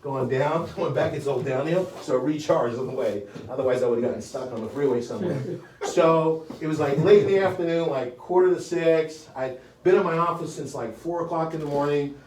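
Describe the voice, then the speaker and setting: Leading a live sales coaching seminar, an American real estate trainer chats and jokes in a meeting room, frequently checking in with "okay?". He talks briskly in a fairly high, darkish voice. The far-off mic picks up room echo and faint hiss.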